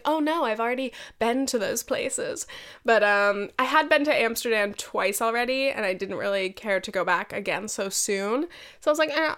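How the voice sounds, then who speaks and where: A mid-range, fairly bright, clear, and resonant female voice, nasal and stuffed up as she gets over a head cold. The speaker is a woman in her twenties from the US running a solo podcast, casual and slangy, swearing and poking fun at herself.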